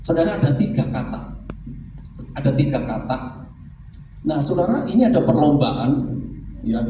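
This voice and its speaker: A man preaching a lively sermon to a congregation, asking them questions and rising high when he quotes people crying out. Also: moderate pace, slight background noise. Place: church service. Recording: echoey room from far off, music behind.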